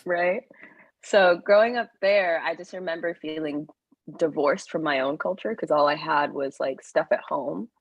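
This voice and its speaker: A young Kenyan-American actor and writer, raised in the US, Canada and South Africa, chats as an interview guest in loose run-on phrases, laughing often. Her voice is low and moderately paced, recorded lo-fi with no room sound.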